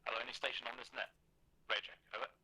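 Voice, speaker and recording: Brief: man heard through a helmet radio, fast, flat radio checks, bright tone. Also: medium pitch, husky, poor audio.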